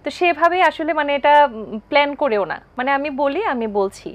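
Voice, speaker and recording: A woman appearing as a guest on a talk show, telling stories about her life in a brisk, anecdotal way. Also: sits high, animated. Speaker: content creator guest. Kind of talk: talk show interview answers.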